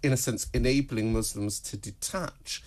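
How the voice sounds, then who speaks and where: A man speaking as a guest analyst in an interview, in a measured, deliberate, lecturing way. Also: mid-range voice. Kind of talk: broadcast interview.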